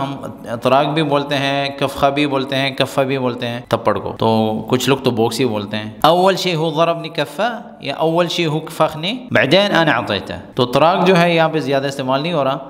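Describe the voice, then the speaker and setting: A man teaching colloquial Arabic phrases, explaining in Urdu and repeating each phrase slowly for learners to copy. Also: on the high side, long reverb tail.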